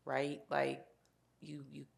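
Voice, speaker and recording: A woman's voice: low-pitched, completely flat delivery, creaky, slightly rough. A woman hosting an interview, prompting her guest in an encouraging, conversational way. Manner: slow, encouraging, frequent affirmations. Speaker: podcast host.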